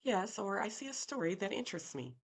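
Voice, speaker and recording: A woman's voice: medium pitch, big pitch swings, a little fast, slightly rough, voice pushed up. A woman voicing an eager, slightly pushy young male podcaster in his late twenties, reading an audiobook.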